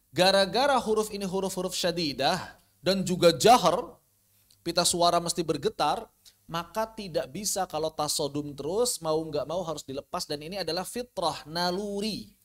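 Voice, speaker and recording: A man's voice: a little high, a bit bright. A man teaching an online tajwid lesson, explaining Arabic sounds and demonstrating them by repeating words. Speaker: Quran recitation teacher.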